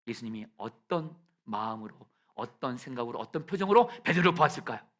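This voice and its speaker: A male pastor preaching a sermon in a church. He swings from soft near-whispers to loud shouted peaks and leads the congregation in reading scripture aloud. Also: medium pitch, lively intonation, fairly quick. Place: church sanctuary.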